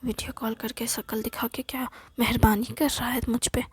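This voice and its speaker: A woman's voice: on the high side, little pitch movement, normal speed, breathy edge, no echo. A woman voicing a doting, scolding middle-aged mother in a whispered role-play, in a reproachful manner. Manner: nagging, reproachful.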